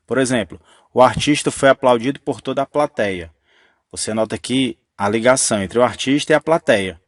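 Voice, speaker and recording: This grammar teacher, a man of medium pitch, restates every rule patiently and methodically while checking in with the listener. The studio-quality recording has no room sound.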